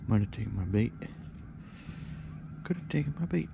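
A man's voice: lowish voice, animated, normal speed, creaky, background noise. A man casually talking to himself while fishing off a dock, filmed on a body-worn camera. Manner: muttering, coaxing the fish. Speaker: angler filming his fishing trip. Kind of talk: casual self-talk while ice fishing. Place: outdoors on a dock by a lake. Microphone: body-worn action camera.

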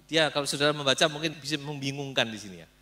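A man preaching a morning devotional sermon in a church, retelling the story in a lively, animated way. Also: mid-range voice, rapid-fire. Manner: animated storyteller acting out scenes. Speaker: pastor.

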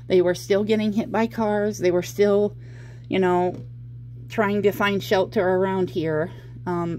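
A woman telling a personal story in a casual vlog, halting and explanatory, with an aggrieved manner. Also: lowish voice, a little mellow. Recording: clear background noise, handheld home recording.

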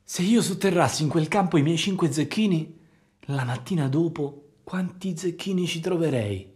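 High eager voice, wide-eyed wooden puppet boy, put on by a male storyteller, naive, storybook. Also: expressive, moderate pace, darkish tone, close to an everyday voice. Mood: amazed.

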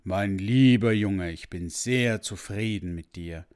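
A deep, rumbling old dragon from a storybook, voiced by a man reading aloud. He talks slowly, solemn and fatherly, patient with a child who disappointed him. The voice stays low and measured. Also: darkish tone. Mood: gentle. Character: ancient wise male sun dragon, kind and patient.

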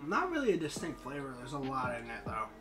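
A woman's voice: rumbling low, huge pitch swings, fast, music in the background. A woman in her twenties giving short, casual remarks while eating sour candy. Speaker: vlog co-host taste-testing candy. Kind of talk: casual chat. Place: small bedroom, indoors.

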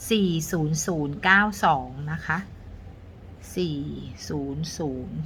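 A middle-aged woman teaching a math lesson to young pupils, counting each step aloud in a patient, polite way. Her voice sits a little low yet sounds bright and forceful. A faint steady hiss runs under the recording. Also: takes it slowly.

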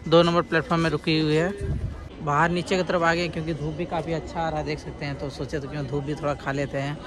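Holding his phone at arm's length, a man in his thirties shoots a casual travel vlog on train platforms and aboard a train, his fairly high voice chatting and explaining while he films and working in English words. Loud crowds and train sounds come through on the phone recording.

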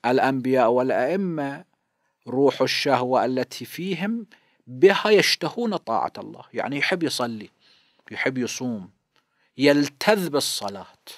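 This Iraqi man in his fifties, a cleric, gives a seminary lesson in a mid-range voice with an Iraqi Arabic accent. He lays out each point and asks himself questions before answering them, recorded dry and close with no echo and little room sound.

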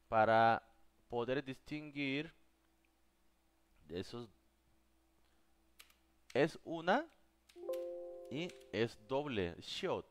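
A man's voice: mid-range voice, smooth. A man with as his teaching a live online class, patiently answering viewers' questions. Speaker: Korean teacher.

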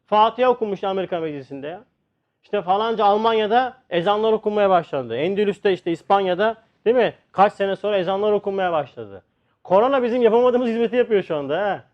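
A man giving a religious lecture, his voice sitting high for a man and lively as he acts out the people in his stories. The recording is dull and lo-fi, with the top end muffled. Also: quick pace. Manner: animated, acts out quoted voices in a story. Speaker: Islamic religious teacher.

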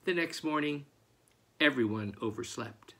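An author in his sixties reads aloud expressively at home in a book-lined room, performing a picture book and reading out letters. His voice is on the high side and a bit bright, his pace unhurried, with slight background noise.

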